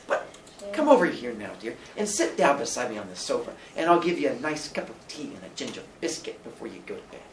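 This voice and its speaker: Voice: mid-range voice, sing-song, fast, echoey room. Storybook role: genteel, dotty English landlady, done by a reader; fussy, coaxing, dainty, very melodic.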